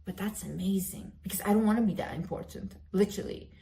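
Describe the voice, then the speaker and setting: A woman's voice: medium pitch, fast, gravelly, dark tone. Emphatic young woman giving a pep talk. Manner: emphatic, repeats phrases for emphasis; talks about herself in the third person. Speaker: motivational vlogger. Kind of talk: direct-to-camera pep talk.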